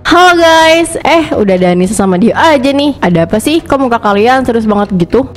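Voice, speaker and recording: A woman's voice: fairly high pitch, lively intonation, brisk, soft background music, lightly acted. A woman voicing Nadia, a brash, defiant teenage schoolgirl in a cartoon parody soap. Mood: sassy. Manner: sassy, defiant, whiny when upset. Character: teen girl Nadia, brash pick-me schoolgirl. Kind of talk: animated parody soap dubbing.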